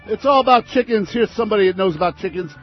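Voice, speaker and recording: A man's voice: sits high, lively intonation, very fast. Laid-back radio DJ man. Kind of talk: casual radio presenting between records. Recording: dull lo-fi radio sound over music.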